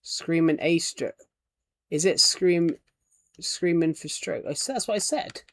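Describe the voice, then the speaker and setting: A British man livestreams a game, chatting casually and rambling as he reads out viewer comments and names. His voice sits fairly high and his pace is measured, with no room sound.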